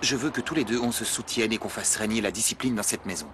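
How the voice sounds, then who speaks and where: A man's voice: lowish voice, quick pace, noisy background, lightly acted. A man playing a stern young master of the house. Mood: firm. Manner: formal, firm. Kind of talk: dubbed television drama. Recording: music playing underneath.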